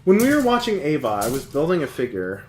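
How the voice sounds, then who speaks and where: A man's voice: a little high, wildly swooping pitch, fast, a little mellow. A man hosting a live model-building stream, chatting casually, rambling and giggling. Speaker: streamer and host. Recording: echoey room.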